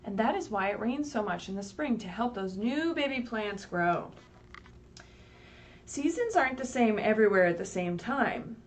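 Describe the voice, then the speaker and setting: Expressive and mid-range, a woman's voice carries a read-aloud picture book story time for young children at a moderate pace. She's sing-song and patient, using simple words, asking questions and checking in with "right?". A distant mic on the livestream picks up faint background noise.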